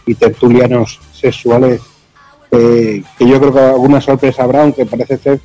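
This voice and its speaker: A man's voice: mid-range voice, little pitch movement, normal speed, warm tone, no room sound, soft background music, poor audio. A man with an accent from Spain chatting casually as a podcast panelist. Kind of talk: casual chat.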